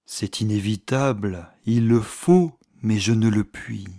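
A woman's voice: a bass voice, slow, dark tone, dry recording, clean studio sound, voice pushed down, full character voice. Woman doing a brooding young man.

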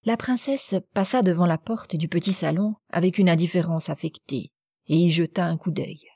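A woman's voice: on the low side, normal speed, dark tone, husky, no echo, clean studio sound. A woman narrating a novel as an audiobook, reading evenly and steadily.

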